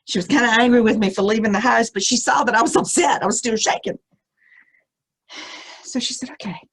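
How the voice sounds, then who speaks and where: A husky-voiced, middle-aged American woman reads a scary first-person story aloud in a mid-range voice, expressive and pausing for suspense.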